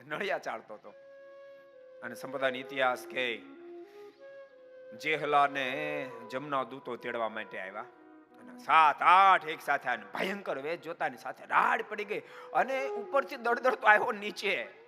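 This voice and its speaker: A man's voice: on the high side, expressive, unhurried, pushed and bright. A man preaching a devotional sermon as a swami, telling stories and asking the devotees rhetorical questions. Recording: reverberant hall, faint music.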